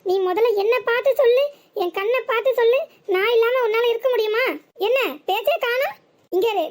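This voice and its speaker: A woman voicing a scheming older village mother-in-law with a southern Tamil Nadu accent, coaxing and guilt-tripping in a cartoon. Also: very high-pitched. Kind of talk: cartoon voice acting.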